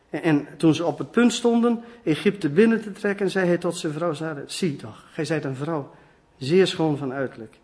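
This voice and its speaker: A man delivers a sermon in a high-pitched voice. He tells lively stories and slips into the voices of the people in them, rising and falling as he goes. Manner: storytelling, acts out quoted voices, lively. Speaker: preacher.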